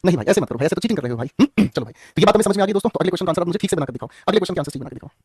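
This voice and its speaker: A man teaching grammar in a rapid-fire, teasing way. His voice sits high for a man and has a husky edge. The sound is close and dry. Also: expressive, a little mellow, dry recording. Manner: rapid, teasing, joking with students in chat. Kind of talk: online class lecture.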